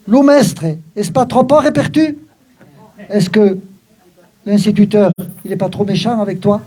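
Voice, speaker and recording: An older man teaches with an animated, emphatic manner, tossing in frequent asides to his listeners. His voice sits high for a man yet stays soft and mellow in tone. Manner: lively, emphatic, frequent "hein" and "voilà" asides. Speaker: Occitan teacher. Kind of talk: explaining a text in a recorded talk.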